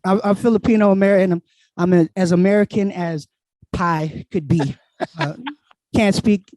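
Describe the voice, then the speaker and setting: Here a laid-back man from Queens, New York, appears as a podcast guest DJ, chatting and laughing freely while explaining things at length. His voice sits high, steady and a little mellow. He talks into a handheld dynamic mic held near his mouth in a small bright room at home, with no room sound audible.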